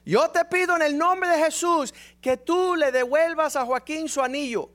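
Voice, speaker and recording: A man voicing an elderly Pentecostal woman who prays aloud fervently, in a high, loud, drawn-out way.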